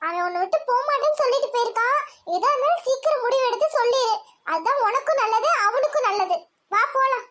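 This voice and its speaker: A woman's voice: extremely high pitch, animated, fast talker, fairly bright tone. A woman voicing a bossy young female college friend in a Tamil cartoon, teasing and coaxing.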